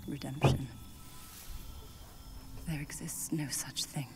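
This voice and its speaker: An actress playing a genteel, eerie, world-weary noblewoman turned merchant in a video game, speaking in measured theatrical lines. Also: rumbling low, fairly even intonation, over loud music. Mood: bleak. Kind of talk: scripted video game dialogue.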